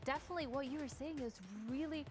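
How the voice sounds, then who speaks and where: A woman gives a fluent, detailed tactical breakdown on an esports analysis desk. Her voice sits a little high, and music plays clearly behind her. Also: fast.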